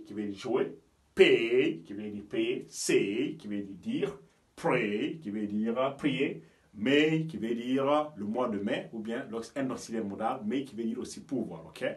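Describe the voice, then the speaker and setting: A man from Guinea teaching English vowels, explaining patiently and often checking with "ok?" and "you understand me?". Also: mid-range voice. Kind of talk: bilingual language lesson. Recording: voice from a distance from the mic.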